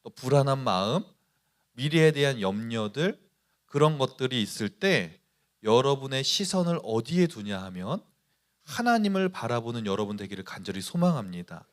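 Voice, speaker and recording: A man preaching a youth sermon as pastor, telling stories with lively, acted-out quoted voices. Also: mid-range voice, moderate pace. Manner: animated storytelling, acting out quoted voices.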